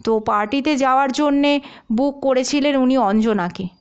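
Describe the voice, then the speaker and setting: A woman's voice: high-pitched, moderate pace, smooth, muffled recording, close to an everyday voice. A woman voicing a huge, fearsome-looking male police officer who keeps saying "sir" and hesitates with fillers. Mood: deferential.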